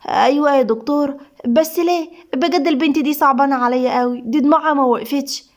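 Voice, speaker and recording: A woman's voice: high-pitched, fast, close to an everyday voice. A woman voicing a timid, anxious nurse. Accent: Egyptian Arabic. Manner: hesitant, fearful.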